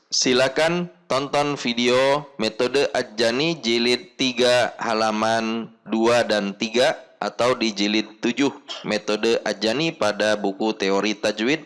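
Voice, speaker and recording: A male recitation teacher explains letter sounds in a measured, very unhurried way. He pauses often and repeats short practice syllables so a learner can copy them. His voice sits at an ordinary middle pitch. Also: fairly bright tone. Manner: slow, deliberate, repeats sample syllables. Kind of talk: instructional lesson on letter pronunciation.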